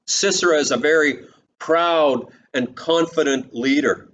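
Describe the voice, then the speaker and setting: A pastor preaching a sermon and retelling the story, breaking into quick voiced lines for its people. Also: male voice, fairly high pitch. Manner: retells the story and quotes its people in lively snatches of voice. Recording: slightly dull recording with faint hiss.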